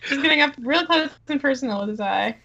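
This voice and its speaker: A woman chats casually between turns of a tabletop role-playing game on an online call, giggling and tossing in likes as she talks. Her voice sits fairly high and bright and crisp through her computer mic. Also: animated, normal speed, highs cut off, slight background noise. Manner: chatty, giggly, many likes. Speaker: player.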